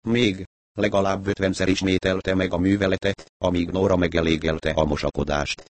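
A man narrating a story as an audiobook reader, in a measured, even manner. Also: deep voice. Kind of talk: audiobook reading.

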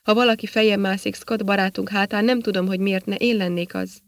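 A woman's voice: mid-range voice, steady tone, no echo, natural voice. A woman reading as a cynical, menacing cop. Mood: threatening. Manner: menacing, sneering. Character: cynical, threatening male police sergeant. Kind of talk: audiobook character reading.

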